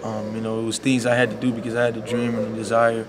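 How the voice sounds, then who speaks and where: Heartfelt young man, flat-voiced. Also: mid-range voice, fast. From Bahamas. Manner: soft-spoken and heartfelt, full of "you know". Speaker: college basketball player. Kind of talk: media scrum interview. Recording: loud background noise.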